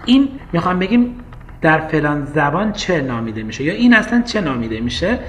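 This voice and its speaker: A man's voice: a little high, very animated, a bit bright, a little hiss or hum. A man with a Persian accent teaching English grammar, explaining patiently and mixing Persian with English examples.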